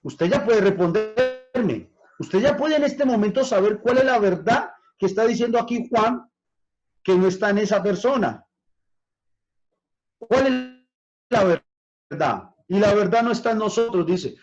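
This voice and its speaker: A man preaching as pastor in a discipleship class, addressing listeners as brothers, asking them questions and drawing out key words slowly for emphasis. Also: high voice, lively intonation, darkish tone, soft background music. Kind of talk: discipleship teaching on scripture. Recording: dull lo-fi recording.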